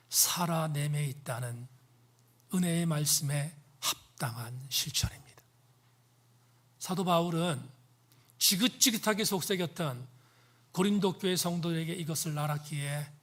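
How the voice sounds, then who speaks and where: A middle-aged male pastor preaching a sermon, swinging from hushed whispers to loud, emphatic peaks. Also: a little high.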